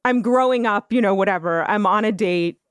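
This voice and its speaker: A woman's voice: medium pitch, fairly quick, smooth, no echo. Chatty giggling woman, dry sound. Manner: giggly, chatty, lots of fillers. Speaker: podcast co-host. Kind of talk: casual storytelling chat.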